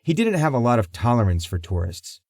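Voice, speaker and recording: A man narrating a crime audiobook in a measured, even storytelling manner. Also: medium pitch, no echo, studio quality. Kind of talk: scripted narration.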